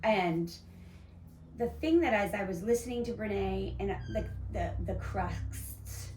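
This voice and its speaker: A woman's voice: mid-range voice, slow, darkish tone, slight background noise. Woman, podcast host, earnest, explanatory, echoey, distant mic. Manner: earnest, explanatory, many restarts and fillers. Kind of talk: casual faith-based discussion.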